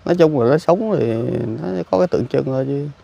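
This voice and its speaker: Gravelly man in his 40s. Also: on the high side, fast, warm tone, muffled recording. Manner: emphatic and indignant, repeats himself. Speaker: interviewee, relative of the deceased. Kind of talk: casual conversational interview. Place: outdoors at a rural cemetery.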